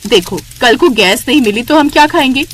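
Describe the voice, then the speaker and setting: Young daughter-in-law, naive and melodramatic, higher pleading voice, voiced by a woman. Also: lively intonation, fairly quick, slight background noise, lightly acted.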